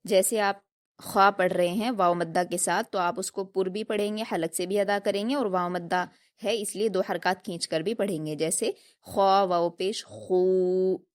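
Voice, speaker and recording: A woman teaching a tajweed lesson, explaining patiently step by step and drilling each sound slowly. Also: medium pitch. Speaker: Quran recitation teacher.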